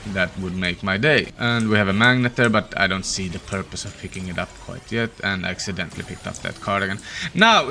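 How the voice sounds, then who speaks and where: Low, bright-voiced man doing gameplay commentary. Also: gravelly. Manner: opens with a put-on peppy intro voice; tired, low-energy, thinking aloud. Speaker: host of a gaming channel.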